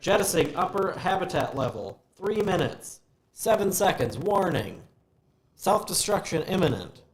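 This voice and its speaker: A man voicing a glitching station computer that reads out errors in a flat, halting way during a tabletop game. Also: high voice, reverberant, a little hiss or hum, pitched above the performer's own voice, rough recording. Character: glitching, failing station computer, panicky and broken.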